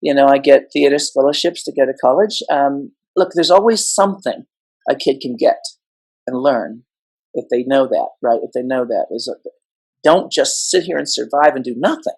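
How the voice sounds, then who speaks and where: Impassioned husky-voiced man, interview guest. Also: medium pitch, moderate pace, a little mellow, poor audio. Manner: impassioned, emphatic, jokey. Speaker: guest educator. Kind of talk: casual interview storytelling.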